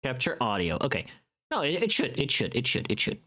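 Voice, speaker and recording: Brisk and very animated, this mid-pitched livestreamer, who also creates voice packs, chats loosely with the audience. The delivery wanders playfully, working ideas out aloud, with plenty of sweary language.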